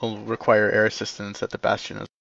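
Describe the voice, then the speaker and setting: A man commanding players in an online war game, giving clipped orders and quick corrections over voice chat. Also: fairly low pitch, completely flat delivery, gravelly, dull audio, crowd noise.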